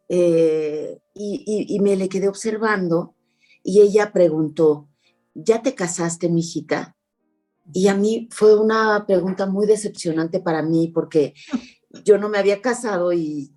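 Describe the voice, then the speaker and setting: A woman, a guest on an interview show, telling a family story in an expressive, measured way. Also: fairly low pitch. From Mexico. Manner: expressive, measured, acts out the dialogue. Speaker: actress and oral storyteller, guest.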